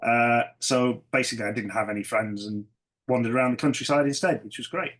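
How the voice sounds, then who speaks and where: Middle-aged man from North Wales, a bit croaky from a cold, dry humour, mid-pitched voice, telling his life story as a guest. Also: fairly quick, fairly bright tone. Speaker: guest, ecologist. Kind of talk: casual interview.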